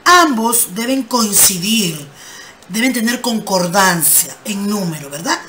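A woman's voice: mid-range voice, expressive, pushed and bright. A woman, teaching English grammar patiently and answering her own questions. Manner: patient, asks rhetorical questions and answers them; reads English examples slowly and clearly. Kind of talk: slow explanatory grammar lesson. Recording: faint background noise.

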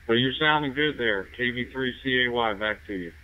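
Male ham operator on a two-way radio intercom, tinny line, relaxed radio chat. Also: mid-range voice, brisk. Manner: relaxed and chatty, ends turns with radio sign-offs. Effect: heard through a two-way radio, like a helmet intercom. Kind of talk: casual radio check-in chat. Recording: tinny narrowband radio transmission.

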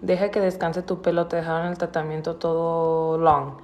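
A woman's voice: sits low, level tone, normal speed, darkish tone. A woman, chatting casually on a livestream. She mixes with English, swears freely and sounds indignant. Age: adult with a school-age daughter. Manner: switches between Spanish and English, swears, indignant.

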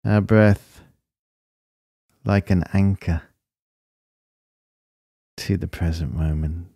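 A man leading a guided breathing meditation in a calm, soothing, unhurried way, with short phrases and long pauses. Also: deep voice, dry recording, clean studio sound.

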